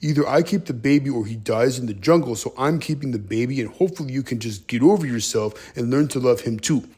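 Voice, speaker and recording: A man's voice: medium pitch, fast, warm tone, husky, natural voice. A man voicing a protective, blunt mother gorilla in a retold cartoon, speaking in a matter-of-fact way.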